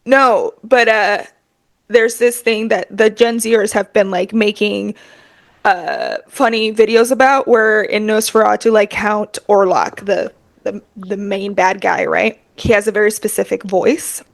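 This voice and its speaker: A woman co-hosting a podcast in casual, animated chat, using a lot of filler words. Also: medium pitch, unhurried, vocal fry. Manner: animated, chatty, heavy use of filler words. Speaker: podcast co-host.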